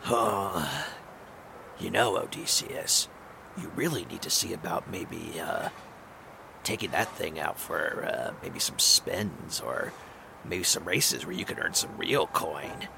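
A man voicing a sly male wizard in a tabletop game, speaking in a drawling, gravelly manner with coy hints. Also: sits low, slow pace, noisy background, heavily acted.

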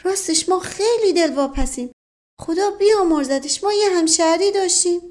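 A woman voicing an old male servant who frets and chatters in a high, drawn-out folksy way. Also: lively intonation, darkish tone. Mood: fretful.

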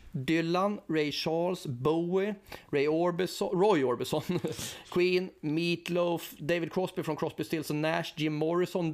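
A man's voice: fairly high pitch, gravelly. A man co-hosting a podcast, chatting casually about a film and rattling off long lists of names, correcting himself as he goes. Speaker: podcast co-host.

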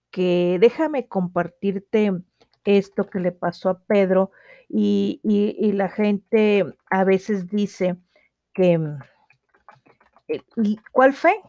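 An earnest woman speaks to her listener on a devotional podcast. She reads passages at a steady pace and turns to them with direct questions. Her voice sits at a middle pitch, recorded close and dry with no room sound. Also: no echo, dull audio. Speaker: podcast host.

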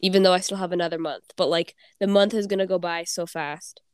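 A woman's voice: fairly low pitch, fairly even intonation, fast talker, smooth, no room sound, studio quality. Congested teenage girl, chatty podcast co-host. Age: teens. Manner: chatty, giggly, rambling. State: congested from a cold. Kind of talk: casual chat.

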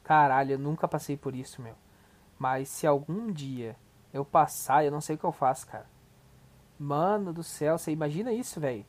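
A man's voice: fairly high pitch, normal speed, darkish tone. A young adult man with a Brazilian accent, hosting a podcast and giving casual, profane, rambling reaction commentary. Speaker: podcast host.

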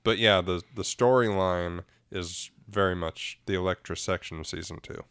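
A man with a very deep, smooth and resonant voice talks casually on a podcast. He explains things in a relaxed, easygoing way and laughs easily. The sound is dry and close. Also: moderate pace, dry recording. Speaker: podcast co-host. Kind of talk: casual chat about comics.

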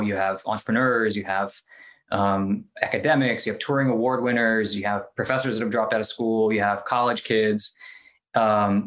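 Lower-voiced man chatting casually. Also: rough recording. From Midwest US. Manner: relaxed, many fillers, loose and chatty. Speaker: podcast guest, investor. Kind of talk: casual interview talk.

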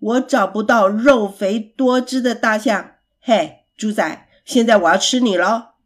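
A woman voicing a big, greedy, hungry male monster who speaks slowly and gruffly. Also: a little high. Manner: slow gruff demanding.

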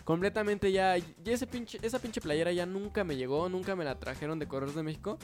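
A young man with a Mexican Spanish accent, chatting casually in a slangy, swearing, animated way. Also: high voice, a little fast, faint music behind. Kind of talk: casual chat.

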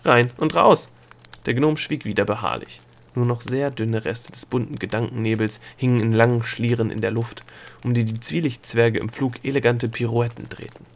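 A man reads fantasy fiction aloud as narrator. His delivery is measured and even, at a middle pitch for a man. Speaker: audiobook narrator. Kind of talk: scripted narration.

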